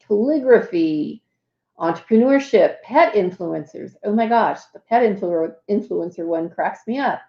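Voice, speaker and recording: A woman hosts a casual live walkthrough and talks slowly, with plenty of fillers and small asides. Her voice sits at a middle pitch. It sounds roomy and a little dull. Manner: chatty, lots of fillers and asides. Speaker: host.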